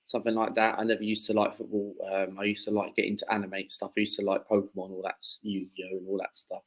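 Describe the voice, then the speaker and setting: A man's voice: on the low side, monotone, quick pace, rough recording. A man in his twenties from southeast England, a football fan chatting as a podcast guest, rambling with many fillers and restarts. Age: 20s. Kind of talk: casual chat.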